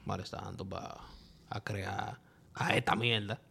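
A young man with a Dominican Spanish accent hosting a podcast, talking in animated, defensive banter. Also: lowish voice, slow pace, vocal fry. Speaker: podcast host. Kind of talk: casual chat.

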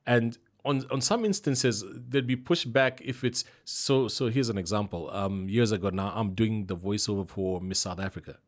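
A man's voice: lowish voice, normal speed, hardly any pauses. A man from Zambia, a voice-over artist, telling stories casually in an interview and laughing often. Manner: relaxed storytelling, laughs often, many restarts.

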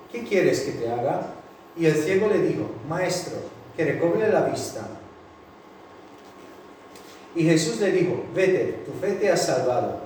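A man's voice: a little high, a little hiss or hum. Man reading scripture in an echoey hall. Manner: steady reading with small slips. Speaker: scripture reader. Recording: echoey hall, mic from a distance.

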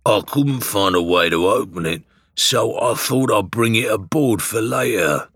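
A man's voice: on the low side, animated, unhurried, fairly bright tone, no room sound, clean studio sound. Man doing an earnest, well-meaning shipmate.

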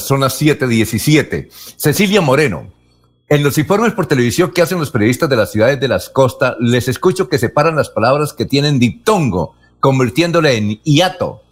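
A male radio host with a mid-pitched voice reads listener questions out on air and gives the time now and then. His delivery is steady and plain. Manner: announces the time between questions.

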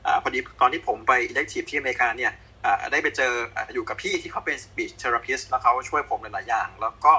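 A man's voice: mid-range voice, fairly quick, sharp tone, slightly rough, low-quality recording. A man doctor from Thailand on an online panel, speaking step by step with many fillers.

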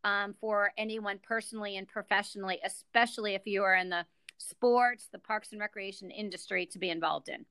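Bright, crisp-voiced American woman guest. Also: medium pitch, fairly even intonation, a little fast, no echo. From United States. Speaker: guest, executive director. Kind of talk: podcast interview.

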